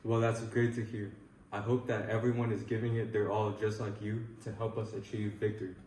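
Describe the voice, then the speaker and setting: A man's voice: fairly low pitch, flat delivery, fairly quick, darkish tone, natural voice. A man playing an earnest, patriotic 1940s field reporter in a scripted news interview. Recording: echoey room with faint noise.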